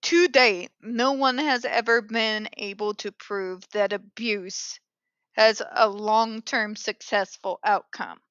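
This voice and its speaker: A woman's voice: mid-range voice, steady tone, slow, fairly bright tone, smooth, no room sound, highs cut off. A woman hosting an opinionated commentary show in a polished call-center phone voice, speaking in a blunt, sarcastic, emphatic way. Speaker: host of an advocacy commentary show.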